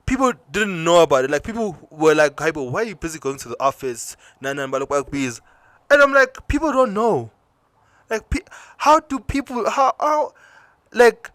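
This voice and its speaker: A man's voice: fairly high pitch, fairly bright tone, dry recording. A young man with a South African accent telling a personal story to camera, emotional and repeating himself, switching between English and Zulu mid-sentence. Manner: emotional, restarts and repeats himself while recounting. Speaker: vlogger.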